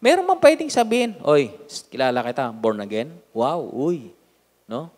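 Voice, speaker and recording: A man with a Filipino accent preaching a lively sermon as pastor, swinging from loud to hushed with joking asides. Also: mid-range voice, normal speed. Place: church hall. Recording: long hall reverb.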